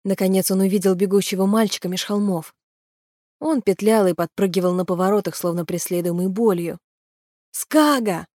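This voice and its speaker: A woman narrating a fantasy audiobook in an even, measured reading. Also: medium pitch, no echo, clean studio sound. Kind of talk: scripted narration.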